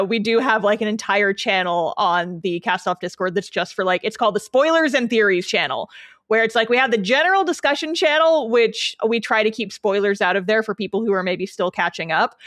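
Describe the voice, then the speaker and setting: A woman who makes a webcomic, chatting casually on a podcast, animated and laughing often with quick bursts of speech. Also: a little high, dry recording, studio quality. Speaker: webcomic creator and podcast co-host.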